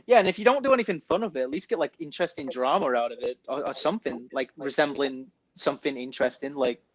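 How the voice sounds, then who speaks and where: A man's voice: mid-range voice, fast talker, low-quality recording. A man in casual chat who laughs often while giving his opinions. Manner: giggly, slips into mock voices. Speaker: podcast guest.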